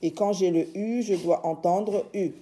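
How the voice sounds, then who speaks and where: A woman's voice: lowish voice, steady tone, measured pace, mellow. A woman teacher giving a reading lesson, patiently sounding out letters and syllables one by one.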